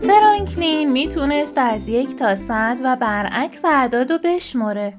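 A woman reads a children's storybook aloud in a high, calm voice. Her delivery is expressive and steady, the narration of a storyteller. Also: over music.

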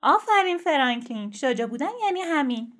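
A kind lady doctor from a children's storybook explains things gently and patiently, as a woman puts her on. Her voice is high and clear, and she sounds reassuring. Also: lively intonation.

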